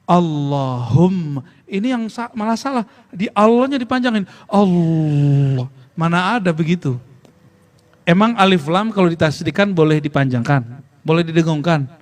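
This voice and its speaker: A man giving an informal religious lesson, talking conversationally, quizzing his listeners and chanting Arabic phrases slowly. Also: high voice. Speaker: preacher teaching a study circle.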